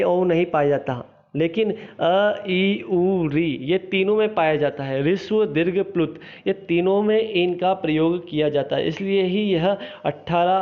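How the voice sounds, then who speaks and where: A male teacher, explaining a grammar lesson and repeating each point as a question he then answers. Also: high-pitched. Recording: slightly dull, lo-fi recording.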